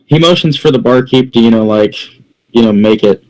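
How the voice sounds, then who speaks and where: A man's voice: mid-range voice, brisk, a little mellow, poor audio. A man narrating a tabletop game as game master, rambling with lots of restarts. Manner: rambling, many fillers and restarts.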